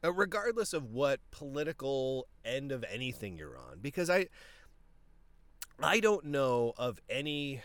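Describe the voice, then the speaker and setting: In an unhurried, medium-pitched voice, a podcast host animatedly offers casual political commentary, often restarting his sentences. He coughs now and then from a throat tickle; the sound is dry.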